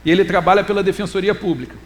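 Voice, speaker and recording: A middle-aged Brazilian man preaching a church talk, animated, moving between loud emphasis and quiet asides and reading scripture slowly. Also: sits high, a little hiss or hum. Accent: Brazilian Portuguese. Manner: quotes scripture in a slow, deliberate reading voice. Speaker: preacher and lecturer.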